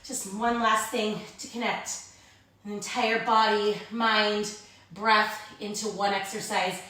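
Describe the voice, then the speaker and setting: A woman's voice: mid-range voice, little pitch movement, slow, bright, forceful tone. A woman fitness instructor leads a live Pilates class, cueing moves and counting in an informal, encouraging way. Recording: very echoey room, distant microphone.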